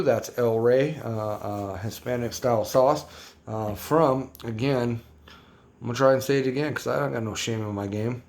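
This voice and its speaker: Dude rambling thru a hot sauce review, slangy, keeps repeating himself, regular mid voice. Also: male voice, mid-range voice. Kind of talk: casual product review vlog.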